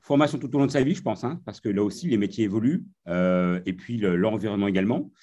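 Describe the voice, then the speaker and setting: A man hosting a master class, speaking in a relaxed, hesitant way with many fillers. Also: fairly low pitch, fast, dull audio. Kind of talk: moderating a talk.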